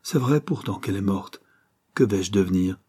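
A man's voice: low-pitched, moderate pace, husky. A man voicing a grief-stricken widowed painter who breaks into feverish, exclaiming talk. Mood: grieving. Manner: anguished then feverishly excited exclamations.

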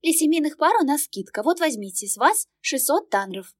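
A woman's voice: high-pitched, expressive, fairly quick, no room sound, studio quality, pitched above the performer's own voice. A woman voicing a sweet, chirpy young ticket clerk who is overly polite in a storybook reading.

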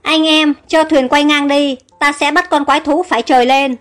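A woman's voice: sits high, fairly even intonation, normal speed, a bit bright, soft background music. A woman reading the part of a bold young male pharaoh who gives firm orders, within a storybook audio tale. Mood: commanding.

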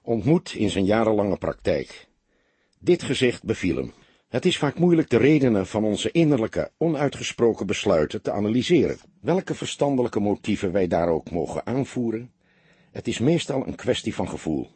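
A man narrating an audiobook in a measured, expressive reading style. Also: fairly low pitch, husky, no room sound. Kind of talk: scripted narration.

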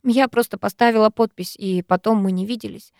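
A woman reading a first-person novel aloud, expressive and measured. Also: mid-range voice, no echo, clean studio sound. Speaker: audiobook reader.

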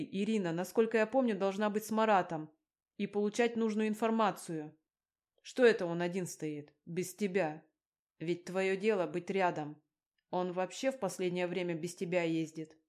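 Woman doing a loud bullying male gangster. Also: on the low side, normal speed, close to an everyday voice. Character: menacing bald male gangster, crude and threatening. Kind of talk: audiobook character voice.

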